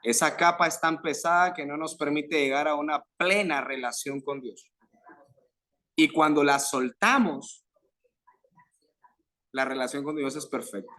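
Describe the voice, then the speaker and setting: A man with a Venezuelan Spanish accent preaching a sermon to a youth group, fervent, with rising emphatic phrases and pauses. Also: fairly high pitch, fairly even intonation, pushed and bright.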